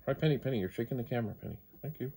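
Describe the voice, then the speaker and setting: A vlogger demonstrating vintage computers talks casually and rambles, playfully repeating his phrases. His medium-pitched, creaky voice races along with lively intonation over a noisy background.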